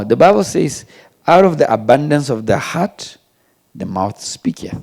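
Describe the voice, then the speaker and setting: A male pastor delivers a sermon, his voice carrying a gravelly edge. He pushes key words loudly, then drops to hushed, almost whispered asides. His pitch sits in an ordinary middle range for a man. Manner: emphatic, swings between loud stresses and hushed asides.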